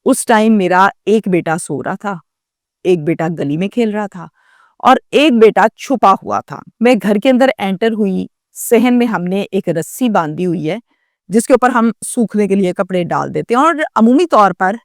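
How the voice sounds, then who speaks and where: A woman's voice: medium pitch, lively intonation, no room sound. Dramatic woman storyteller, dry sound. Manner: dramatic, acts out quoted dialogue. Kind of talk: dramatic first-person narration of a true story.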